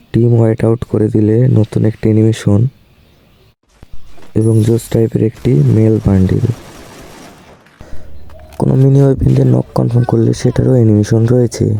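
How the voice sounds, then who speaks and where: A hoarse man with a cold and a Bangladeshi Bengali accent, giving a casual update on a game event as a gaming YouTuber, in a relaxed, flat delivery. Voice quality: gravelly, low and dark.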